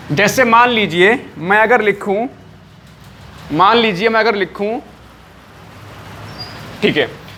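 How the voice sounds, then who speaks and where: A man's voice: sits high, pushed and bright, a little hiss or hum. A man teaching a live online maths class, repeating each point and checking often whether students follow.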